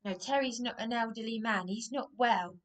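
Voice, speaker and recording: A woman's voice: on the high side, normal speed. A woman in an emotional, rambling monologue, agitated and repeating herself. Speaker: vlogger.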